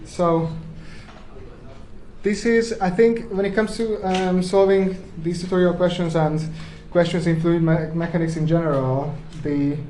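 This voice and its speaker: A young Hungarian man, a university tutor with a high, steady, warm voice, speaks at a measured pace, hesitating with many fillers and repeated yeahs. He chats casually, then explains a problem to his class. The echoey classroom is roomy, with crowd chatter and slight background noise.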